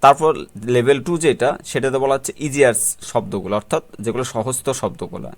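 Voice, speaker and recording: A man's voice: mid-range voice, animated, fast talker. A man with a Bangladeshi accent, teaching English vocabulary in a tutorial, who poses rhetorical questions and mixes in English terms. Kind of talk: explanatory tutorial talk.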